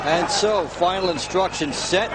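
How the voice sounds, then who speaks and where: High-voiced male boxing commentator over roaring crowd. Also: a little slow, low-quality recording. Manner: clipped, factual, stat-laden phrasing. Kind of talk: live sports commentary. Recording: loud crowd roar and arena noise.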